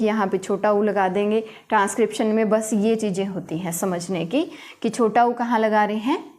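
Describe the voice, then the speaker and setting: Slow-spoken woman teacher. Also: mid-range voice, darkish tone. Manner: patient, explains step by step with repeated examples. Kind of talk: phonetics lesson at a board.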